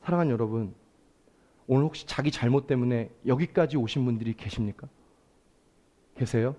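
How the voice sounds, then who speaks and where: A man's voice: mid-range voice, brisk, dark tone. A male pastor preaching a Sunday sermon in a church, emphatic and calling out to the congregation.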